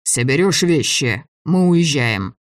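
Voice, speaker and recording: A man's voice: fairly high pitch, lively intonation, slow, dry recording. A man voicing a stern, angry male school director who gives curt orders, in a dry audiobook reading. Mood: furious. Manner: curt, commanding, shouting.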